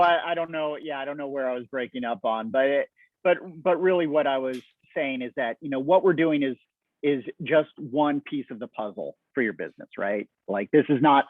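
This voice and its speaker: A man's voice: mid-range voice, dry recording. A man hosting a casual video call discussion on marketing, talking loosely with many ums and restarts. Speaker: marketing host. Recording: tinny, breaking-up call audio.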